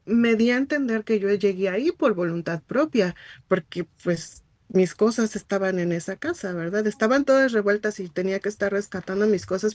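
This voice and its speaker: A woman's voice: medium pitch, dry recording. Woman teaching Bible study, dry close sound. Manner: personal, searching storytelling with many restarts.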